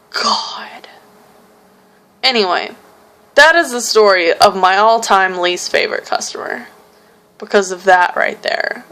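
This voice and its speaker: A young woman telling a frustrated story about a customer on her vlog. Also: mid-range voice. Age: young adult. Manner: frustrated, animated retelling with quoted voices. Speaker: vlogger.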